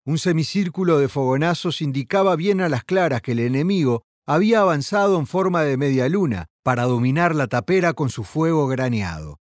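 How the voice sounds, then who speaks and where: A man narrating an audiobook in a dramatic, expressive reading. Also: fairly high pitch, fairly quick, hardly any pauses, no echo, clean studio sound.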